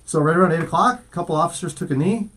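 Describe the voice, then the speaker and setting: A man hosting a casual morning radio show, playful and quick to do mock news-anchor voices. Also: on the high side, fairly bright tone. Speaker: radio host.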